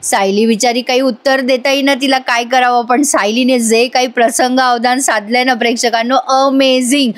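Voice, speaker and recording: A woman's voice: high voice, fairly even intonation, normal speed, hardly any pauses. A woman casually recapping a TV serial episode in a voice-over review, chatty and amused, speaking directly to viewers.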